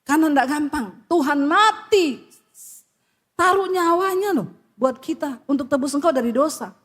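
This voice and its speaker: A woman's voice: high-pitched, brisk, in a large hall. A woman pastor preaching a sermon, blunt and scolding, telling stories from her counseling.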